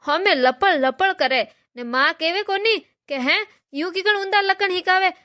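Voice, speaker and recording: A woman's voice: very high voice, normal speed, sharp tone. A woman voicing a gossiping older mother-in-law in a cartoon comedy, speaking with a Marwari accent and complaining about her family. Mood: gossipy. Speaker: cartoon character.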